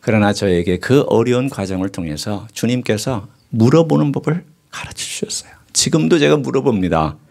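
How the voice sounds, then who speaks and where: A middle-aged male pastor preaching a sermon, moving between hushed, whispered passages and raised, emphatic exclamations. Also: medium pitch, expressive, moderate pace, creaky, few pauses.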